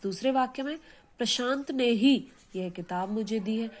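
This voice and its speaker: A woman teacher giving a grammar lesson, explaining patiently and often asking her students questions. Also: on the high side. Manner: slow, patient explaining with frequent check-in questions. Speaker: school teacher.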